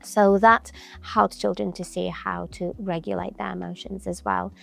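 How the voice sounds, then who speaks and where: Gravelly-voiced woman giving calm parenting advice. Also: mid-range voice, normal speed, soft background music. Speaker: guest, parenting mentor. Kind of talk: podcast interview.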